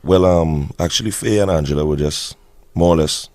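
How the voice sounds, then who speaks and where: A tired man from Trinidad, a musician guest talking in a relaxed, laid-back way. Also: extremely low pitch, moderate pace, dry recording.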